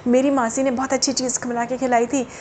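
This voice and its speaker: A woman's voice: high-pitched, flat delivery, brisk, darkish tone, a little hiss or hum, close to an everyday voice. A woman voicing a forgetful, stubborn little village boy who whines and repeats words in a storybook tale. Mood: whining. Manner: repeats words, whining and insistent.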